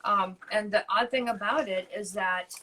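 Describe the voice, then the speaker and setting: A woman's voice: medium pitch, bright, forceful tone, distant mic, slight background noise, poor audio. Earnest American woman, a bit off-mic. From United States. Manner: earnest, sympathetic, halting with fillers. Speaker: co-host. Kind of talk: casual live chat, reading a message aloud.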